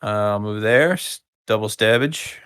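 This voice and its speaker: A man's voice: on the low side, unhurried, fairly bright tone, clean tone, dry recording, clean studio sound. A man playing a tabletop game, making playful, jokey exclamations. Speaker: player.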